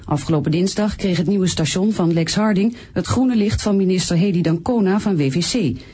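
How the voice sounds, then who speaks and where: A woman's voice: lowish voice, mellow, breathy edge. Woman reading an archival radio news bulletin. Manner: formal, measured news reading. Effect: archival radio news broadcast. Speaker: newsreader.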